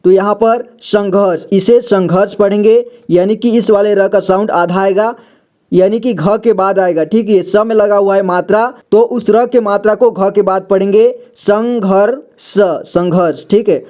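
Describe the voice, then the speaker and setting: A man's voice: high-pitched, steady tone, moderate pace, warm tone. A man teaching children to read, saying each word twice and breaking it down sound by sound in a patient step-by-step lesson. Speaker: Hindi reading teacher. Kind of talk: slow spelling-out reading lesson.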